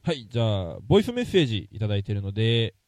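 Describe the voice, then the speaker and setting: A man's voice: on the low side, very animated, very fast, a little mellow, no room sound. A man co-hosting a podcast with casual banter and playful, teasing retorts. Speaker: podcast co-host.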